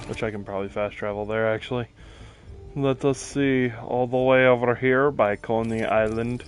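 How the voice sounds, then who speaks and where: A man casually commenting on his video game playthrough, muttering quietly to himself. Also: medium pitch, fairly even intonation, normal speed, soft background music. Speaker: gameplay streamer.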